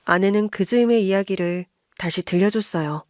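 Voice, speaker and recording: A woman reading a scripted story in a calm, even storytelling manner, recorded dry and close. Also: medium pitch, moderate pace, no echo. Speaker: story narrator.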